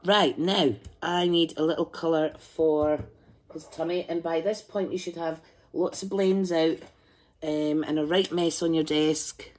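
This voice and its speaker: In this live colouring demonstration, the host's voice is low-pitched and darkish, with a steady tone and measured pace. She chats and thinks aloud while colouring for her craft tutorial, humming quietly when she concentrates.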